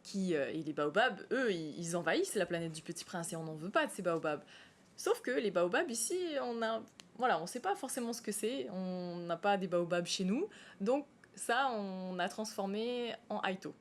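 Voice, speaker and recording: Hesitant actress chatting on set. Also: female voice, mid-range voice, expressive, moderate pace. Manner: hesitant, many fillers and restarts. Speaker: stage actress interviewed as guest. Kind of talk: live studio interview.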